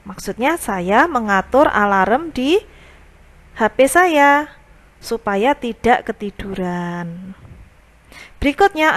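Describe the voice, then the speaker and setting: Slow, patient woman English teacher. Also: a little high. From Indonesia. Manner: slow, patient explaining, reads English example sentences then translates them. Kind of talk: recorded lesson explaining grammar.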